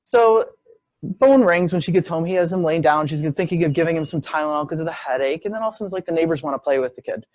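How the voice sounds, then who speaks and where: A man's voice: on the high side, quick pace, darkish tone, dry recording. A man lecturing as a visiting professor, telling a medical case as a story and acting out what people said. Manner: storytelling, acts out quoted speech.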